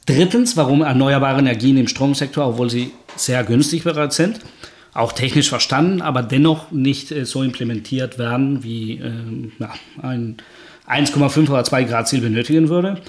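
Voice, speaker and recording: A man from Guatemala who is a guest researcher in a podcast interview, speaking at a measured pace with frequent hesitations. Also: mid-range voice.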